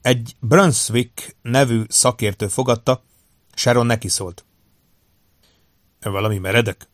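A man reading an audiobook crime story as narrator, in a steady, even-toned way. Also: mid-range voice, no room sound, clean studio sound. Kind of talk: scripted narration.

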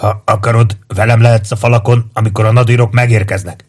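A man voicing a gruff veteran commander who barks scornful orders at exhausted soldiers. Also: lowish voice, flat delivery, darkish tone, close to an everyday voice. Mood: commanding. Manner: barking, scornful.

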